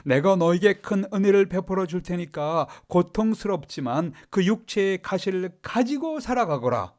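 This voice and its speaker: God speaks as a calm, fatherly presence, gently telling a suffering man to bear his burden. A man puts the voice on in a sermon, keeping his own natural tone. The words come slowly and reassuringly, with a lively rise and fall. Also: high-pitched, pitched above the performer's own voice.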